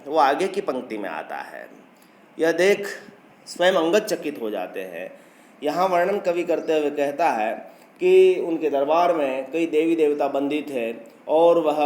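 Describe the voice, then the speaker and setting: A male teacher giving a lecture that explains poetry line by line, reciting the verses slowly. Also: medium pitch. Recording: roomy echo.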